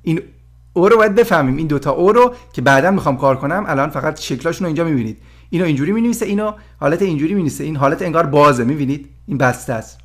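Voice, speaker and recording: A man giving a casual language lesson, explaining pronunciation slowly and repeating each sound aloud. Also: on the high side, lively intonation. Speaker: French teacher.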